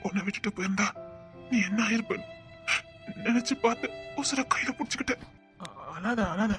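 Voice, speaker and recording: A woman voicing a bashful, tender injured husband with a Tirunelveli Tamil accent, speaking softly to reassure his wife. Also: mid-range voice, fairly quick, soft background music, natural voice. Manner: soft, gently reassuring.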